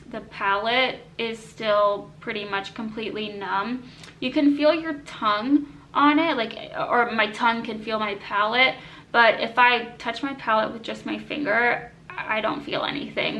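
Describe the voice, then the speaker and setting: A woman's voice: on the high side, measured pace, pushed and bright, slight background noise. A woman vlogger giving a casual, matter-of-fact personal health update, her speech slightly constricted by braces and rubber bands.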